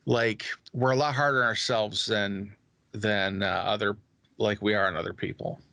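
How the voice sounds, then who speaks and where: A man on a podcast talking in a thoughtful, reflective way, pausing on fillers. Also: fairly low pitch, fairly even intonation, vocal fry, pushed and bright, dry recording, studio quality. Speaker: podcast co-host. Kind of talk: casual podcast chat.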